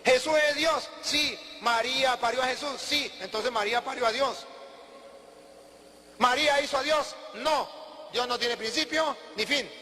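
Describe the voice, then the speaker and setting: Emphatic high-voiced male preacher. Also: moderate pace, sharp tone. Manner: emphatic, asks questions and answers them himself. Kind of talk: sermon. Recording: long hall reverb.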